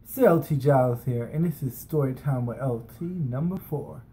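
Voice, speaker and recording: Sitting in a small bedroom, a thirtysomething American man with roots in San Francisco and Las Vegas chats informally and rambles through anecdotes, vlogger-style. A webcam or camera at desk distance records him. He speaks at a moderate pace in a mid-range voice with a dark tone.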